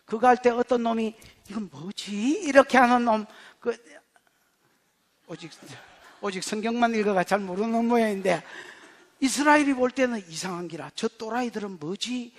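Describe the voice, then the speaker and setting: A male pastor with a Gyeongsang Korean accent, preaching an expository sermon in a blunt, colloquial way that swings from shouting to whispering. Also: extremely high pitch, normal speed. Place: church sanctuary.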